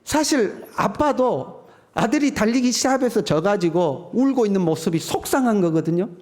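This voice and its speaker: A man's voice: sits high, expressive, fairly quick, darkish tone. Conversational middle-aged male pastor preaching. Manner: conversational preaching, acting out parents' lines. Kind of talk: sermon. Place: church sanctuary.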